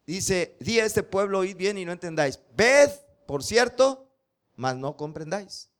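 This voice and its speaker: A male preacher, reading scripture slowly and emphatically and putting rhetorical questions to his congregation. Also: high voice, expressive, smooth.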